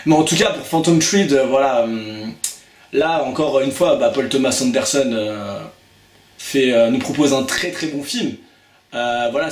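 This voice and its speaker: A man's voice: mid-range voice, echoey room. A man casually reviewing films on video, talking with lots of hesitations, fillers and restarts. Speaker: film reviewer.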